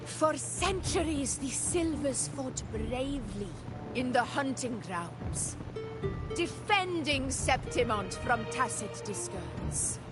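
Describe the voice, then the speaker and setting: A woman's voice: high voice, expressive, takes it slowly. An actress playing a stern woman ruler passing judgment, with a Russian accent, grave and formal. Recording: game audio under loud music.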